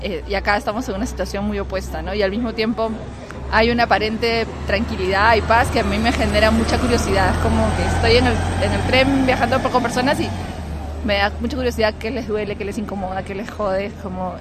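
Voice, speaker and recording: A woman's voice: medium pitch, fairly even intonation, fast, very noisy. A woman from Peru with a Peruvian Spanish accent, an artist answering thoughtfully with many hesitations. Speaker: artist fellow. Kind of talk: interview answers. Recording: clear music behind.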